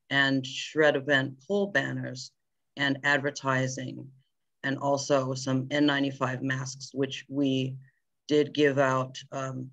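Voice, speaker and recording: A woman reading out a committee report at a neighborhood board meeting, halting often with fillers. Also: a bass voice, a bit bright, muffled recording.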